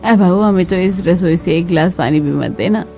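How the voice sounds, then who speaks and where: A woman's voice: fairly low pitch, normal speed, warm tone, soft background music, natural voice. A woman voicing a preachy, disapproving older aunt-in-law visiting the family in a skit. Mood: disgusted.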